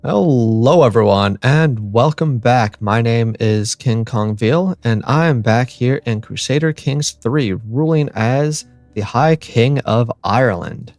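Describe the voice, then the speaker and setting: A man hosting a let's-play, chatting in a relaxed way and reading game events aloud. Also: medium pitch, slow, hardly any pauses, no room sound. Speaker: gaming channel host.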